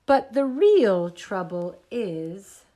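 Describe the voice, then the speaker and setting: A woman leading a toddler group, coaxing the children through songs and movement games and reading them picture books in an animated sing-song voice. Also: medium pitch, extremely slow. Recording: echoey room.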